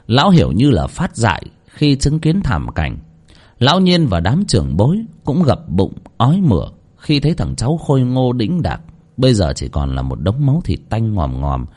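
A man's voice: on the low side, darkish tone, slightly rough. A man reading a horror story aloud in a dramatic, vivid narration.

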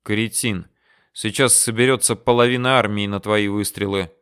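A man voicing a gruff, irritable male corporal of an invading army who speaks curtly. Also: on the low side, fairly even intonation, normal speed, fairly bright tone, lightly acted. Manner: curt, snapping.

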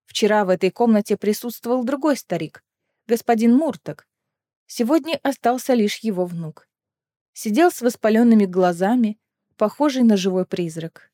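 A woman narrating a fantasy audiobook in an even, measured storytelling voice. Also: fairly high pitch, dry recording. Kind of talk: scripted narration. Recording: dry close mic with faint music.

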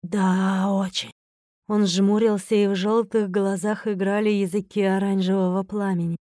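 A woman reads a first-person novel aloud with a playful, teasing lilt. Her voice is mellow and soft-edged. The recording is close and dry, with no room around it. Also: mid-range voice, little pitch movement, normal speed, no room sound. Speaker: audiobook narrator.

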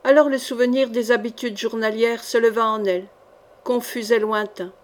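A woman narrating a classic swashbuckling novel in a measured, expressive reading voice. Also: a little high. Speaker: audiobook reader.

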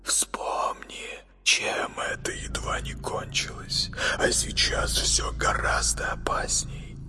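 A man voicing an eerie boy familiar spirit in a hissing, breathy whisper, soft and urgent. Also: slow, lightly acted. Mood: urging.

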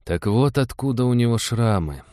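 Man doing musing ship's doctor, low voice, audiobook. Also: a little fast, darkish tone, no echo, studio quality, close to an everyday voice. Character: ship's male doctor, thoughtful and dryly kind.

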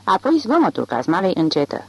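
Measured audiobook narrator, literary fiction, mid pitch, very lively intonation. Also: breathy edge, rough recording.

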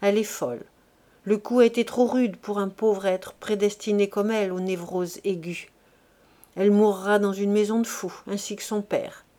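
A woman reading the lines of a calm, grave young male doctor. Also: mid-range voice, moderate pace, lightly acted.

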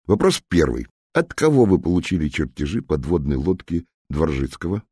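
A man's voice: extremely low pitch, sing-song, normal speed, warm tone, husky, dry recording, studio quality, exaggerated voice. A man voicing a commanding, curt male general in an audiobook. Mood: cold. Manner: authoritative, curt. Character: commanding stern male general, middle-aged.

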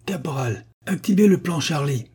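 A man's voice: a little high, animated, normal speed, darkish tone, breathy edge, voice pushed up, exaggerated voice. A man doing a shrieking, panicky English commander. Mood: hysterical. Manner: shrieking through a megaphone.

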